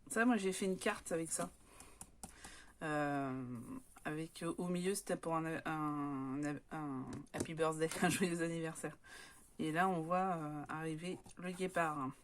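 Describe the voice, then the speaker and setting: A woman's voice: deep voice, a little slow, a little hiss or hum. Chatty French woman with many fillers. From France. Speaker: scrapbooking vlogger. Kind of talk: casual show-and-tell of craft papers.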